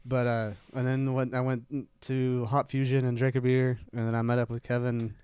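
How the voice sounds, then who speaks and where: Man, podcast co-host, chatty rambling storyteller, smooth clear voice, dry close mic. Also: medium pitch, normal speed, no room sound. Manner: rambling storyteller, animated retelling with repeats. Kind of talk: casual chat.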